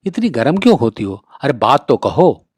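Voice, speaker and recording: Man voicing a calm, worried elder brother. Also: mid-range voice, normal speed, slightly rough, no echo, studio quality. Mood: questioning.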